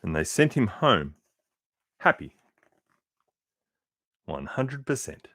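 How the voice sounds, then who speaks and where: A man reading a children's picture book aloud with expressive, unhurried storytelling and casual asides. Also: fairly low pitch, dry recording, studio quality. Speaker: reader.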